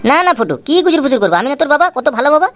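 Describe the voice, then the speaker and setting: With a high-pitched, sing-song voice at a racing pace, a woman performs a comic cartoon father who is exasperated, foul-mouthed, and sly. Her grumbling, wheedling lines sound coaxing and placating, with music behind.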